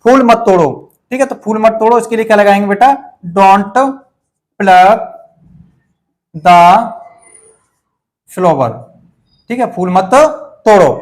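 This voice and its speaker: A man's voice: high-pitched, quick pace. A man teaching English grammar in Hindi, repeating each example sentence and asking the students questions that he answers himself. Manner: repetitive, asks and answers his own questions, calls students 'beta'. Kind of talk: Hindi-language grammar lesson.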